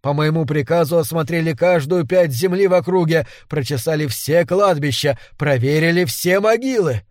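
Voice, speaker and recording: A man's voice: on the high side, normal speed, darkish tone, no echo. Man narrating a gothic tale, dry voice. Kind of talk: audiobook narration. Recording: dry studio read with faint music.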